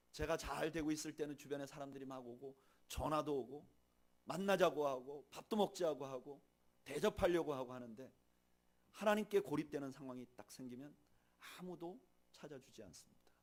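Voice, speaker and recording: A man preaching a sermon as pastor, swinging from loud, emphatic lines to soft, hushed ones, and slowing down to read scripture aloud. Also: on the high side. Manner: slow measured reading of scripture with the congregation. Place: church sanctuary.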